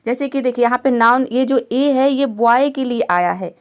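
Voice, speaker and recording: Woman, grammar teacher, patient, self-questioning, slightly high voice. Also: normal speed, clean tone. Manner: patient, asks questions and answers them herself. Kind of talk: explaining grammar step by step.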